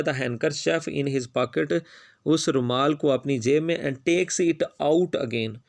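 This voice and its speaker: A male teacher with a Pakistani Urdu accent, reading English lines slowly and then explaining them quickly in Urdu. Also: medium pitch, vocal fry. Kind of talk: classroom reading and translation lesson.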